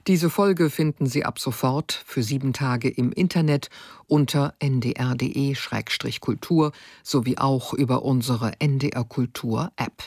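A man's voice: mid-range voice, creaky, a little mellow, no echo, clean studio sound. A man making a formal, scripted radio announcement. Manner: measured, formal.

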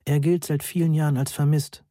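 A man's voice: a little high, little pitch movement, fairly quick, mellow, dry recording, studio quality, pitched above the performer's own voice, lightly acted. A man doing a blunt, bossy young woman. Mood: brusque. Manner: brusque, teasing. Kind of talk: audiobook dialogue.

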